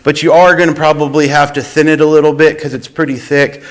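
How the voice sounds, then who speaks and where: A man giving a relaxed cooking demonstration on a student TV show, explaining each step as he goes. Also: on the high side, fast. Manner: relaxed, instructive, with restarts. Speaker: cooking guest. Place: student TV studio.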